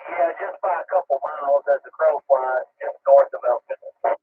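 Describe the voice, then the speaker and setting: A man's voice: on the high side, normal speed, phone-quality sound. A man checking in over a crackly, military-style two-way radio with static, in casual ham operator exchanges.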